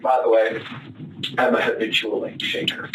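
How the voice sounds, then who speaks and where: A man recounts events in a halting, flat, matter-of-fact way, his voice sitting at an ordinary pitch. He is picked up by a far-off room camera, so his voice sounds roomy and distant. A steady hiss of noise runs under everything. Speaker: suspect being interviewed. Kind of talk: police interview. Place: police interview room. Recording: echoey noisy room from far off.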